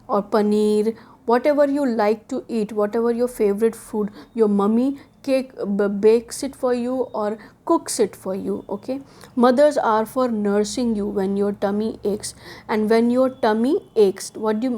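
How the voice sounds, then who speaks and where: A woman teacher with an Indian English accent explains a children's poem, switching between English and Hindi. She reads each poem line slowly, then rattles through her explanations. Her voice is fairly high yet mellow and dark in tone. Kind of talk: classroom poem lesson.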